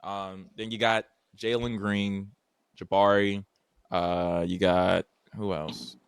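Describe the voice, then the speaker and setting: A man hosting a podcast in casual chat, relaxed and slangy with plenty of fillers. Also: deep voice, slow pace, vocal fry, smooth, no room sound, clean studio sound. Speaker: podcast host.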